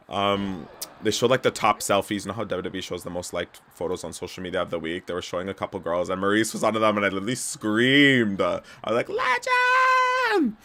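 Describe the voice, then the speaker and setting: A man from Canada chatting casually and gossipily while streaming a wrestling video game at home, with sudden loud yelps. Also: low voice, animated, fairly quick. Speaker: gaming streamer. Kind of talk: casual commentary while playing.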